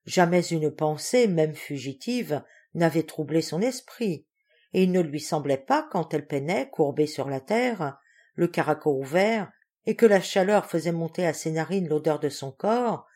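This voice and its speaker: A woman reads a literary short story aloud as an audiobook narrator. Her voice sits on the low side, and she reads at a measured, expressive pace. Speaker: audiobook reader.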